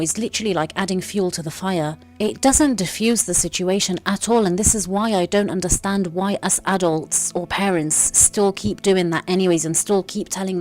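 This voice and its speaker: A woman's voice: lowish voice, a little mellow. A young woman, a parent, talking earnestly and passionately in a candid vlog, swearing now and then. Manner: earnest, impassioned, swears casually. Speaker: parent vlogger.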